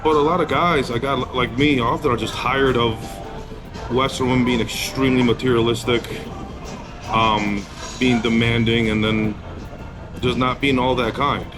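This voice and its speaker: A man from Poland speaking frankly in a casual outdoor street interview, his voice sitting at an ordinary middle pitch. He states his views bluntly and without much hedging, while clear music plays in the background. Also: fairly even intonation, moderate pace. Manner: blunt, candid opinions. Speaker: interviewee, business owner.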